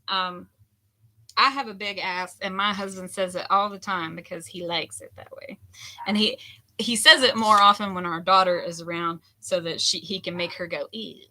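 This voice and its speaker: A hoarse woman in her forties, a potter chatting candidly while she throws clay at the wheel. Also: medium pitch, fairly even intonation, moderate pace, bright, forceful tone. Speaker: potter streaming a throwing session. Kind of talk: casual chat while working. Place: pottery studio with lo-fi music on.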